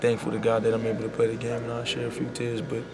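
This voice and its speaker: A young man, a college basketball player speaking softly and sincerely in a media scrum, leaning on "you know.". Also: medium pitch, completely flat delivery, quick pace, vocal fry, over a noisy crowd. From Bahamas. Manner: soft-spoken and heartfelt, full of "you know". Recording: loud background noise.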